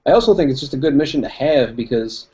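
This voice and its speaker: A young co-host with a mellow, medium-pitched voice talks fast with lively intonation in a casual chat about tabletop wargaming. He rambles loosely, laughing and using lots of fillers, on a dull lo-fi recording.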